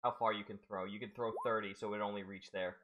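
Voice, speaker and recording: A man narrating a tabletop role-playing game as game master, halting and restarting as he explains the rules. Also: on the low side, steady tone, muffled recording, noisy background.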